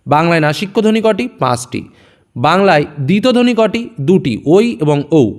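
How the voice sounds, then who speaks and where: Lively high-pitched male teacher drilling answers. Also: normal speed. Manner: reads each question then drops lower and softer for the answer. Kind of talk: exam question-and-answer revision.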